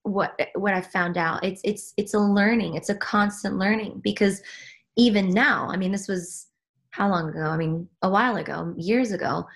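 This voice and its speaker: On a reflective podcast, a woman from Switzerland who works as a spiritual teacher discusses her path in earnest. Her creaky voice is medium in pitch and moderately paced, and she often restarts sentences while groping for words.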